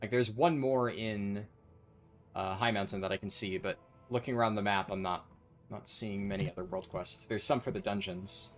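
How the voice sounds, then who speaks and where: A man's voice: fairly low pitch, steady tone, normal speed, a bit bright. Casual, sardonic male game streamer. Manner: sardonic, sweary. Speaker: live streamer, speedrunner. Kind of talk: casual gaming livestream chat and commentary.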